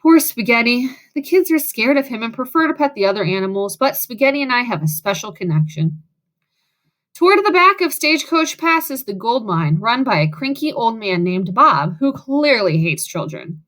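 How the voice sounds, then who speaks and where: A woman's voice: on the high side, very animated, normal speed, fairly bright tone. A woman reading a first-person audiobook in a wry, sarcastic way. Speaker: audiobook narrator.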